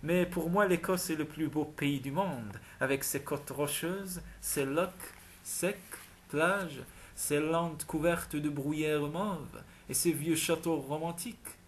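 A man's voice: fairly high pitch, slow, slight background noise. A man voicing a reserved but passionate young Scottish duke who speaks in an earnest, courtly way.

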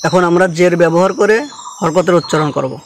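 A man teaching Arabic letter sounds in a slow, sing-song recited lesson, pairing each letter with its vowel. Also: a little high, slight background noise.

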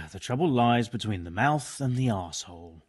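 Husky, learned medieval monk. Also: male voice, mid-range voice, animated, normal speed, darkish tone. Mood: studious. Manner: bookish, precise, dry. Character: learned, matter-of-fact medieval monk physician. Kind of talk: video game dialogue acting.

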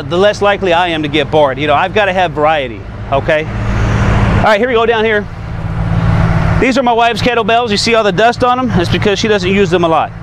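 A middle-aged man, a trucker, chatting casually on camera as he shows off his gear in a parking lot, often asking "you know what I mean". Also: high voice. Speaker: trucker vlogger. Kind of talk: casual show-and-tell. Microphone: camera mic at a few feet. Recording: outdoor camera audio with traffic noise. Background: truck and traffic noise.

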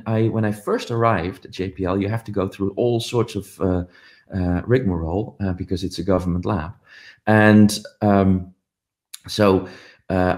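This middle-aged man has a fairly low, darkish voice. He's giving a commemorative conference talk by video call, captured on a webcam in his home office, and he tells stories while frequently saying um and uh.

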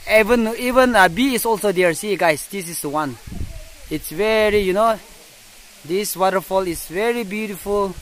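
A young man from India narrates a casual hiking vlog on his phone as he trudges through the forest to a waterfall, weary and craving water. His voice is high-pitched, with a bit of background noise, and he bursts into excited exclamations between short, faltering phrases.

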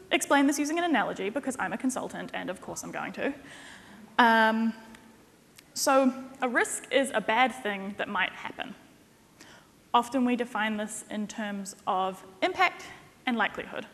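A young woman giving a conference keynote as a consultant, conversational and jokey, speaking at a lectern on a stage. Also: a little high. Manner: conversational and jokey, lively emphasis. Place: conference stage in a large hall. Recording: reverberant hall sound.

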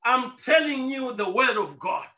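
A man's voice: extremely high pitch, expressive, measured pace, sharp tone, far from the mic, full character voice. A man preacher voicing a stern male prophet who speaks with emphatic, declaiming authority, in an echoey, dull recording. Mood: commanding.

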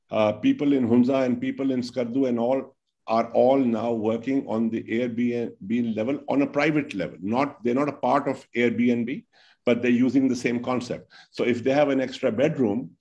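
An older man with a Pakistani English accent makes his argument point by point, posing rhetorical questions. He speaks at an ordinary pitch over a video call, and the sound is slightly dull. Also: a little mellow. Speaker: panelist. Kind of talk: webinar answer. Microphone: video call webcam.

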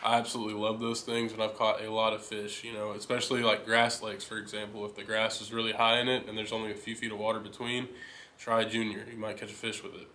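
A young man hosting a fishing channel, giving a steady, enthusiastic rundown of his lures in a casual chat. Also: lowish voice, fast, a little hiss or hum. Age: young adult. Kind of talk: casual gear talk to camera. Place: indoor living room.

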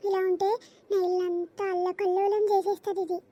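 A woman's voice: extremely high pitch, flat delivery, brisk, mellow, dry recording. A woman voicing a grumpy, suspicious old mother-in-law in a cartoon, who scolds, complains and nags. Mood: scolding.

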